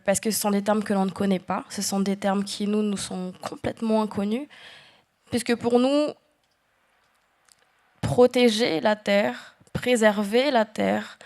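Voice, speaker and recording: A woman from French Guiana speaking as a panel guest, earnest and halting with frequent restarts. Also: medium pitch, darkish tone. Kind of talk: panel discussion talk.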